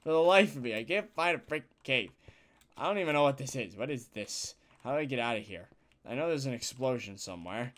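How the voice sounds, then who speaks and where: A man giving casual let's-play commentary as a gaming channel host, thinking out loud with sudden loud exclamations between quiet mutters, a bit tired. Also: mid-range voice, expressive, a little fast. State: yawning, tired.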